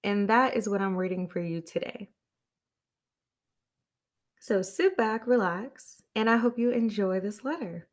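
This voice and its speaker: A woman's voice: medium pitch, measured pace, pauses often. A woman podcast host talking on her own to her listeners. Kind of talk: solo podcast talk.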